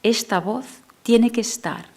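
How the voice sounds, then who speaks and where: A woman speech therapist, Catalan native, giving a conference talk, moving between a soft lowered voice and emphatic bursts. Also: a little slow. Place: lecture hall.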